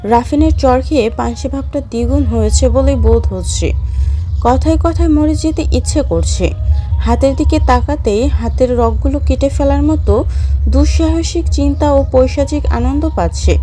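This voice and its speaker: A woman narrating an audio story in a steady storytelling manner. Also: high-pitched.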